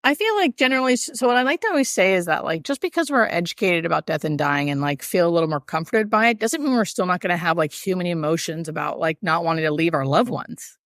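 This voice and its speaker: A woman's voice: fairly low pitch, animated, fast talker, few pauses, a bit bright, no room sound, studio quality. A woman speaking as a hospice nurse in an interview, explaining things earnestly and emphatically, repeating key phrases for stress.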